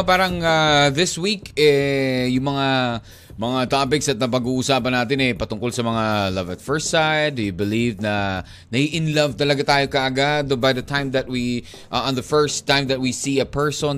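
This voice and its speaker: A man's voice: medium pitch, a little slow, faint music behind. A man co-hosting a radio show, rambling and teasing in casual banter. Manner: rambling, lively, frequent fillers, teasing, mixing English and Tagalog. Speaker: radio DJ co-host.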